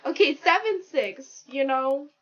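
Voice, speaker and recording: Slow, giggly woman rambling while drawing. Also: high-pitched, expressive, fairly bright tone, muffled recording. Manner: rambling, giggly, improvising a silly story aloud. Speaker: drawing video creator. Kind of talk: casual narration while drawing.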